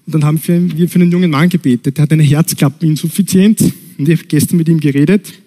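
A middle-aged man, preaching and telling personal stories in a lively, storytelling way. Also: quick pace. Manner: lively storytelling, pitch jumps up when stressing points. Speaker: pastor.

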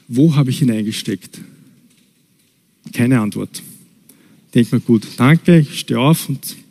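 A middle-aged man gives a sermon full of personal stories. His voice sits a bit high but sounds warm and mellow. He jumps upward in pitch when he presses a point. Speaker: pastor.

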